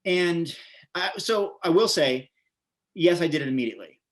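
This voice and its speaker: He sounds a little high and animated, speaking at a moderate pace. An American in his forties, this vegan bodybuilder and author tells casual stories as an interview guest, rambling and repeating himself.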